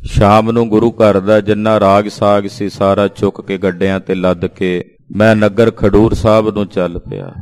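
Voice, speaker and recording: A man preaching a reverent sermon, retelling a sacred story in a measured way and reciting verses. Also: lowish voice, flat delivery, a little mellow. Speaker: Sikh preacher.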